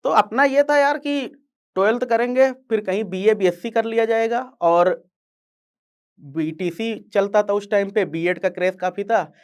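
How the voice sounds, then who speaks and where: A man's voice: sits high, a little slow, clean tone. A young man from eastern Uttar Pradesh with a Purvanchal Hindi accent, close to Bihari, telling his own story in a casual, chatty way. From Purvanchal, Uttar Pradesh, India. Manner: casual, chatty, addresses listeners as yaar. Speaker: content creator and guest speaker. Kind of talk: storytelling talk.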